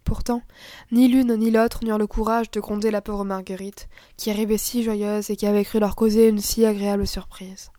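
A woman narrating a children's tale in a calm, even storytelling manner. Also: mid-range voice, moderate pace, no room sound. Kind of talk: audiobook reading of a children's tale.

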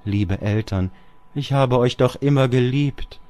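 A man's voice: medium pitch, a little slow, darkish tone, pitched above the performer's own voice, lightly acted. A man reading an audiobook, voicing a tense young adult son who answers his father in short, clipped lines. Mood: tender.

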